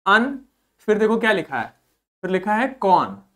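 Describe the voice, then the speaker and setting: A man's voice: sits high, very animated, moderate pace, a bit bright. A male teacher leads a classroom-style pronunciation drill, switching between English and Hindi. He splits each word into syllables and repeats it several times over. He keeps checking in with short "okay?" prompts to the class. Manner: peppers speech with "theek hai" checks to the class. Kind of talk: classroom lesson for school students.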